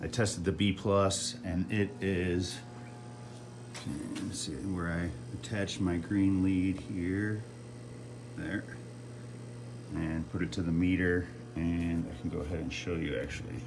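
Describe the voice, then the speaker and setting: Male repair host, low register, casual and halting, thinks aloud, faint fan noise on the recording. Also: fairly even intonation. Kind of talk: casual hands-on repair walkthrough. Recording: noisy fan hum over the voice. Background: whirring fan noise.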